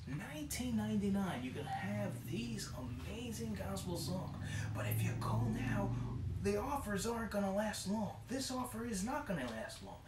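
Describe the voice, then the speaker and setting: A middle-aged man giving a hard sell ad as an infomercial pitchman, emphatic and repetitive. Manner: emphatic, repetitive salesman talk. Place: small wood-panelled office. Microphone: camera across the room. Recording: distant roomy camera sound, faint noise.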